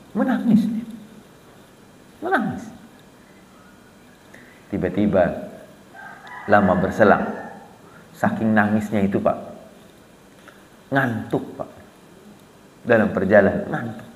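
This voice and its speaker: A man's voice: lowish voice, slight background noise. A man with a Banjar Malay accent preaching a casual, storytelling sermon, acting out quotes and asking the listeners questions. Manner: lively, acts out quotes, asks listeners questions. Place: small prayer hall. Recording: echoey prayer hall with long reverb.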